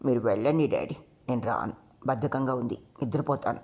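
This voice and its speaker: A woman voicing an idealistic, tender-hearted young college woman who speaks softly and pleadingly in a told story. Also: extremely low pitch, a little fast, pitched below the performer's own voice. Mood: listless. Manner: soft, pleading, emotional.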